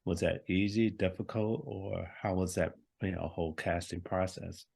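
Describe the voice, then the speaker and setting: A man moderating a film festival Q&A, asking halting questions with many fillers. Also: low-pitched, steady tone, vocal fry, a little mellow, slightly rough.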